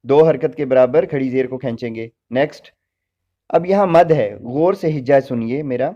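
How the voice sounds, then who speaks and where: A man's voice: medium pitch, dark tone. A man teaching Quran recitation, patiently spelling out each syllable and stretching the long vowels. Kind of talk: spoken recitation lesson. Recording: dull lo-fi recording.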